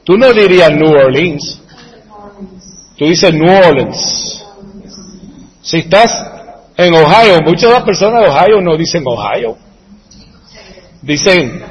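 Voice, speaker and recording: A man's voice: high voice, slightly rough. A man chatting casually as a host, rambling, asking rhetorical questions and chuckling. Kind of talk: casual chat, answering viewer comments. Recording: echoey room with long reverb.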